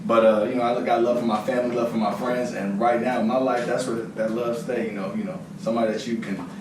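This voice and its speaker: A man's voice: mid-range voice, fairly even intonation, fast. A young man on a talk panel, speaking in a laid-back, slangy, joking way. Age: young adult. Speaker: actor on a panel. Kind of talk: panel discussion. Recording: echoey room from far off with noise.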